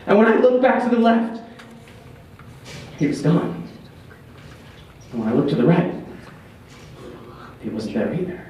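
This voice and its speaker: A man telling a ghost story on stage, shifting between urgent and hushed tones. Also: sits high, sing-song, unhurried, long pauses, highs cut off, slight background noise. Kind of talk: live storytelling performance. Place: performance venue. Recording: echoey hall, distant mic.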